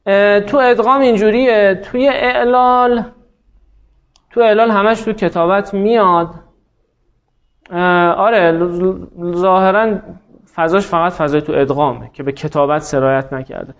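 Man, teacher, high voice, classroom lecture, explains step by step, asks and answers own questions, dull lo-fi recording. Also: steady tone.

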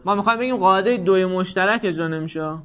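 A male teacher with a high voice works through a grammar lesson. He stops often to repeat key points and question his students. The recording is dull and lo-fi. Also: sharp tone. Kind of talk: classroom lecture on grammar.

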